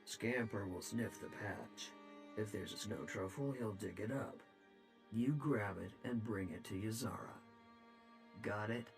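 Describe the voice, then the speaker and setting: An actor voicing a gruff, curt Orc clansman in a video game, his voice echoing hollowly inside a helmet. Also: fairly low pitch, unhurried. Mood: gruff, matter-of-fact. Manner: curt, blunt, reluctant. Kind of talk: video game character dialogue. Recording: game music behind the voice.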